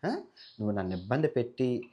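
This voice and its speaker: A man's voice: medium pitch, lively intonation, quick pace, lo-fi sound, lightly acted. Guy doing a stern motherly earth goddess, reproachful, in a retold myth.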